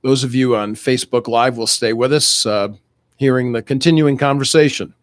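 A middle-aged or older man with a gravelly voice, hoarse from a cold, hosting conversational talk radio in a measured, explanatory way. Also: mid-range voice, fairly even intonation, no room sound, studio quality. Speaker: radio show host and educator. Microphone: close studio microphone.

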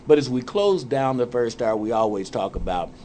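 A man hosting a faith radio show, upbeat and animated, handing off to his co-host. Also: mid-range voice, moderate pace, a little hiss or hum. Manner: upbeat, animated, laughs easily.

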